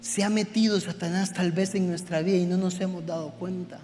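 A man preaching a sermon to his congregation, swinging from hushed confession to shouting. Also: sits high, steady tone, brisk. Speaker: pastor. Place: church hall. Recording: reverberant hall with faint music.

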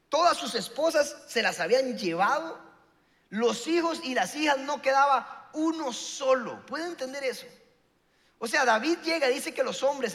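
High, lively preaching man in a hall. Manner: storytelling with acted-out quotes, emphatic. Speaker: pastor. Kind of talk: sermon.

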